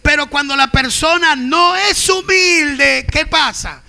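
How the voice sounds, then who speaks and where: A man preaching at a Sunday Bible school as pastor, emphatic and sometimes shouting. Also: very high-pitched, slow, creaky. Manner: emphatic, acts out the proud and the humble, sometimes shouting.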